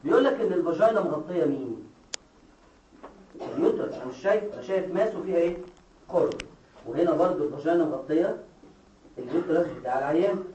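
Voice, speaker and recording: Fast-talking Egyptian lecturer in an echoey hall. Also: male voice, on the high side, a little mellow, recorded from a distance, a little hiss or hum. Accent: Egyptian Arabic. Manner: explains step by step, quizzing students with quick questions. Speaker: medical lecturer. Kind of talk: classroom lecture. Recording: echoey hall, taped from afar.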